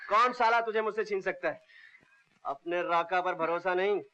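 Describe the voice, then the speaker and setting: एक अभिनेता पुरानी हिंदी फ़िल्म में एक मस्तमौला, दबंग युवा प्रेमी का किरदार निभा रहा है।. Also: male voice, high-pitched, normal speed, bright, forceful tone, muffled recording. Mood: playful. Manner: teasing and cocky. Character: swaggering rough-edged young man, playful lover. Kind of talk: 1970s Hindi film dialogue.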